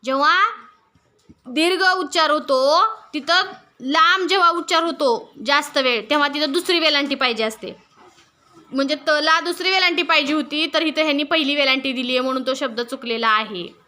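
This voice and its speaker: A woman's voice: high voice, moderate pace, bright, forceful tone. A middle-aged woman teaching a class, walking pupils through each point and stopping to put questions to them. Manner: asks pupils questions and waits for answers. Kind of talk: classroom lesson.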